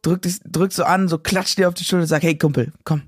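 A young man co-hosting a podcast in casual chat, slangy and excitable, acting out quotes. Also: sits high, fast talker, slightly rough, no room sound, studio quality. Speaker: podcast co-host.

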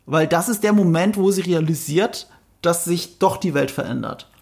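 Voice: medium pitch, moderate pace, vocal fry, a little mellow. Podcast co-host explaining with quiz questions. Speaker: podcast co-host with a film background. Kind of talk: casual chat about a TV series.

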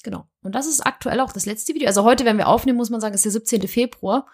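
Fast-talking woman co-host. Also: on the high side, darkish tone, husky. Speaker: podcast co-host. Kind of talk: casual chat.

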